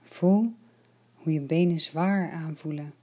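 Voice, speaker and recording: A woman leading a guided relaxation meditation, speaking slowly and softly, at times in a whisper. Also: low voice. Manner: slow, soft and soothing, partly whispered.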